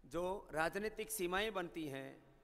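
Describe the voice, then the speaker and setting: A man's voice: high-pitched, unhurried, fairly bright tone, in a large hall. A man from India giving a spiritual discourse, emphatic and building phrases into repeated lists. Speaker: spiritual teacher.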